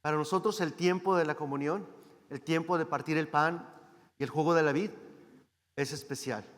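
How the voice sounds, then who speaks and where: A man from Mexico preaching as a guest speaker. His voice sits a little high for a man, and he keeps checking in with the congregation through rhetorical questions. A long reverb from the church hall trails behind his words. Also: fairly even intonation, moderate pace. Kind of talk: sermon.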